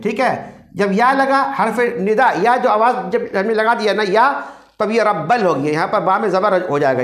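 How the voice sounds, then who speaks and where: A woman teaching an online Quran recitation class, patiently repeating each word slowly for her students to copy. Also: medium pitch, echoey room.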